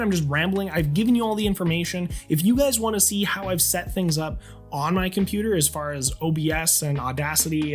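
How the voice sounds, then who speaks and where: A young man with a slightly high voice rambles casually to camera from his home streaming room. He is self-deprecating and laughs often. Faint guitar music plays underneath. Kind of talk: casual vlog talk to camera.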